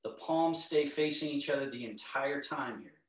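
A middle-aged man teaching tai chi, giving calm, serene, step-by-step movement cues in a measured way. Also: on the high side. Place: indoor home living area. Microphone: camera across the room. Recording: echoey room, distant microphone.

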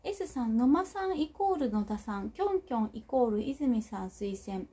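Husky-voiced woman chatting on a livestream. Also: fairly high pitch, sing-song, normal speed, mellow. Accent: Kagoshima Japanese. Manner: chatty, self-teasing, laughs between remarks. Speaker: local politician hosting a livestream. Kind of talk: casual livestream chat reading viewer comments.

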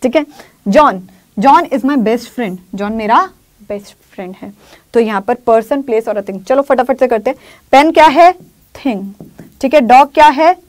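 A woman teaching English grammar in Hindi. She says English example sentences slowly, repeats key phrases and keeps checking in with her students. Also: on the high side, darkish tone.

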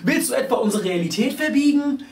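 A man voicing a shrill, scolding old grandmother who wails and frets, in an echoey room away from the mic. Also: animated, brisk, far from the mic, a little hiss or hum. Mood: pleading. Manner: wailing, shrieking, fretful.

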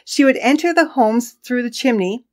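A woman's voice: a little high, expressive, moderate pace. A woman co-hosting a casual true crime podcast, chatting and laughing as she tells the case story.

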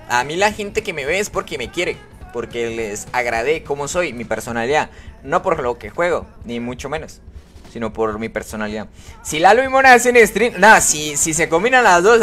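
A man's voice: on the high side, a bit bright. A man streaming a game live, chatting casually and joking as he talks straight to his viewers. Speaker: gaming streamer.

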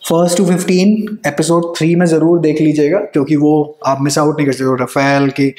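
A man's voice: a little high, level tone, very fast, a little mellow. A man in his thirties with a North Indian accent, lecturing emphatically at a whiteboard as an exam coach and tossing out rhetorical questions. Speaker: law exam coaching teacher. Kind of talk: whiteboard lecture mixing English and Hindi. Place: indoor room at a whiteboard. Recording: echoey room.

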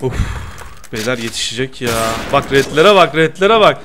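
A young man doing lively gameplay commentary, teasing his friend and protesting loudly to his viewers. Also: medium pitch, normal speed, slight background noise. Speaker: gaming YouTuber.

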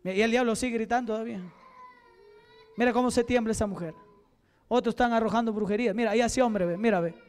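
A Peruvian man, a deacon with a Peruvian Spanish accent, leading a fervent deliverance prayer at a church service and shouting repeated commands. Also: very high voice, fairly even intonation, fast talker, long pauses, clear, resonant tone, in a large hall. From Peru.

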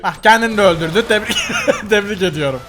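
A man's voice: high voice, quick pace, a crowd in the background. A man commenting casually on funny game clips as the channel host. He laughs often, exclaims and repeats himself. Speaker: gaming video host.

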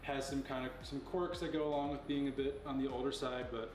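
Young male keeper giving a relaxed walkthrough, mid pitch, roomy echo, distant mic, music underneath. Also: a little fast. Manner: knowledgeable, relaxed, with frequent fillers. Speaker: facility owner giving a tour. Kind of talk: casual walkthrough explaining snakes. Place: indoor reptile room with glass enclosures. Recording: echoey room, off-mic, music behind.

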